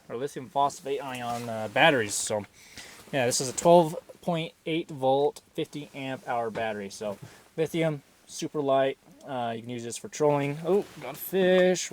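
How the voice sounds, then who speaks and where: A man hosting a casual fishing vlog, talking in excitable bro slang. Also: medium pitch, a little hiss or hum. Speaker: host of an outdoor fishing channel. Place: outdoors in a snowstorm, later inside an ice fishing tent.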